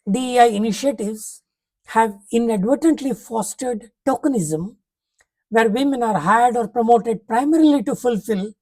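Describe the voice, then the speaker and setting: A woman reading a prepared talk aloud, setting out numbered points in a measured, formal way. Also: a little high, a little mellow, rough recording.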